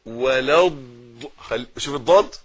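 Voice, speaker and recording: A man's voice: medium pitch, normal speed. A man with an Egyptian accent teaches Quran recitation. He chants the verses, stops to correct mistakes, and has the listener repeat each phrase. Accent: Egyptian Arabic. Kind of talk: recitation lesson.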